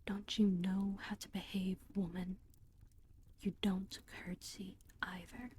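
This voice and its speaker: A weary young male magician from a storybook, whispering his lines at a very slow pace, as a woman reading the tale puts him on. The tone stays soft and mellow, with a faint hiss behind it. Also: medium pitch, little pitch movement, lightly acted.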